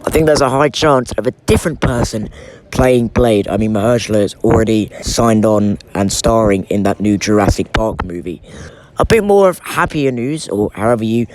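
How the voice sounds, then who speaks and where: A man's voice: fairly low pitch, animated, normal speed, a little mellow, low-quality recording. Man talking with a towel over his head. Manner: chatty, enthusiastic fan talk. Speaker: film news host. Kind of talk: casual news commentary to camera or microphone. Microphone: microphone under a towel over his head, shielding it from wind.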